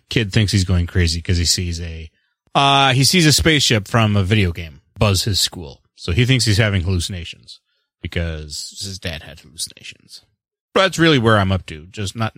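This man's deep, animated voice moves at a moderate pace and sounds a bit bright, recorded dry with studio quality. He co-hosts a podcast, casually riffing on films and books with rambling, wry humor at his own expense.

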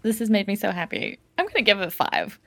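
A woman's voice: mid-range voice, sing-song, quick pace, gravelly, sharp tone. A woman co-hosting a podcast, giggly and playful in casual chat. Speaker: podcast co-host.

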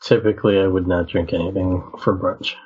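A man with a low, husky voice chats casually as a co-host. The recording is dull and slightly muffled. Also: level tone, fairly quick, a little mellow. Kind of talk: casual chat.

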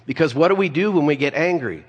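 Pastor preaching in a reverberant hall. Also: male voice, on the high side, expressive, quick pace, slightly rough, lo-fi sound. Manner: conversational, storytelling with asides. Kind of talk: sermon.

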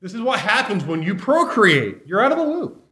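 On a comic shop's live stage, another podcast co-host hams it up with teasing banter during a comedy variety show. He has a high, very animated voice, pushed and bright, at a moderate pace. Music and the crowd echo around the venue.

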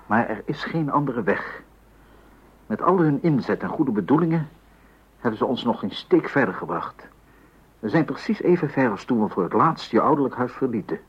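An actor playing an anxious husband and father who urges calm and pushes toward the police. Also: mid-range voice, moderate pace, breathy edge, highs cut off. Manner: urgent, forced calm. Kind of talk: radio drama acting.

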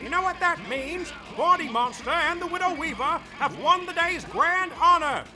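A man voicing an excitable, cheeky cartoon parade announcer doing event commentary. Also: very high-pitched, moderate pace. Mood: excited, announcing. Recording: music behind the voice.

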